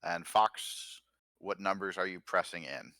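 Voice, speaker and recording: Deep-voiced man running a tabletop game. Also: a little slow, no room sound. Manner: relaxed, filler-heavy narration with many uhs. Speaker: game master.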